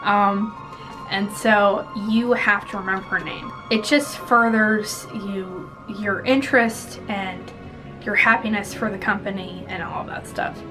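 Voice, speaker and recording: Speaking a little slowly in a steady, mid-range voice, this 20-something woman vlogs interview advice from a small room at home, rambling and giggling as she talks casually to the camera. Music plays in the background, and the recording is rough.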